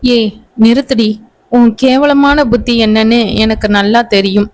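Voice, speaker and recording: A woman's voice: a little high, unhurried, darkish tone, close to an everyday voice. A woman reading a storybook voices a bitter young husband who scolds and threatens his new wife in a curt, menacing way. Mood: harsh, menacing.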